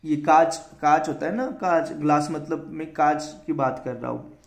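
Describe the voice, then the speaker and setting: A man's voice: fairly high pitch, steady tone, moderate pace, gravelly, echoey room. An Indian man teaching English vocabulary in a casual spoken lesson, spelling words out letter by letter and explaining them in Hindi. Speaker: vocabulary teacher for exam prep.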